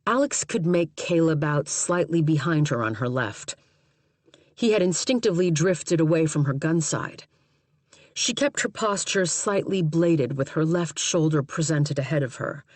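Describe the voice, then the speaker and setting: A woman narrating an audiobook in a measured, even storytelling manner. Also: sits low, no room sound. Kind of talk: scripted narration.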